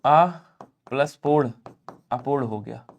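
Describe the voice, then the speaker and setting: A man teaching an exam-prep Hindi lesson, working through questions and answering for his students in an animated way. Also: medium pitch, slow, vocal fry. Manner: animated, chanting examples and answering for the class; talks to viewers directly with tag questions.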